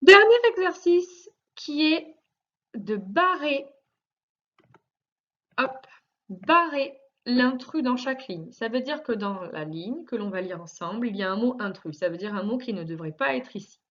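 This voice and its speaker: A woman teaching a recorded lesson for young children, speaking slowly with carefully articulated, stretched-out words, patient and reassuring as she addresses one child directly. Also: on the high side, lively intonation, a bit bright, lo-fi sound. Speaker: primary school teacher.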